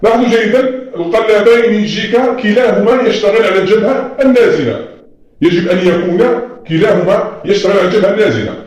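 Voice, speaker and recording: Guy teaching fast, patient, keeps saying look closely, big echoey room. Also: high voice, darkish tone. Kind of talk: explaining a lesson at a board.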